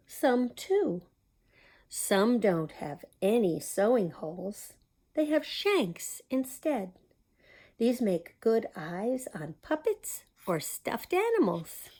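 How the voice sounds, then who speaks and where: A woman with a mellow, mid-range voice hosts storytime at a community library. She reads a children's picture book aloud with plenty of expression, tossing in little asides to the young listeners.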